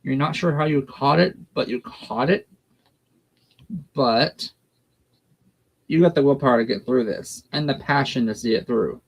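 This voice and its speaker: A man's voice: mid-range voice, measured pace, creaky, long pauses. A man giving a casual tarot reading, blunt, folksy and unfiltered. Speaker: tarot reader.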